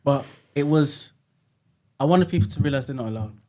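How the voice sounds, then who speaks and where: His voice is mid-range and mellow, his delivery brisk. He's a music artist guesting on a casual podcast in the studio, speaking in an earnest, reflective way and often repeating words as he thinks.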